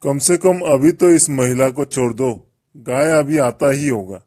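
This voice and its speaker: A man voicing a kind, gentle king in a storybook tale, speaking softly and pleadingly. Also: mid-range voice, a little slow, no room sound, studio quality, close to an everyday voice. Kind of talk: storybook voice acting.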